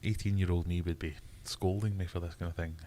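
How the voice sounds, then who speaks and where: Chatting easily with his audience, a Scottish man runs a relaxed livestream, laughing a lot and voicing viewers' comments. The voice sits low and dark with fairly even intonation, a little fast, and there's slight noise behind him.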